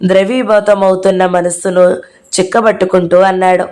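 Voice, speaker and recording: A woman reads a novel aloud for an audio book, giving every character's lines herself. Her pitch stays level with almost no rise or fall, so the reading has a steady, even sound. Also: normal speed.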